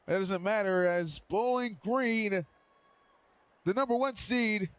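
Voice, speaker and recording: High-voiced male stream host calling plays with casual, excitable energy. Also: slow, smooth, no echo. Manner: excitable play-by-play with loose, rambling asides. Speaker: play-by-play commentator and stream host. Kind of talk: casual livestream sports commentary.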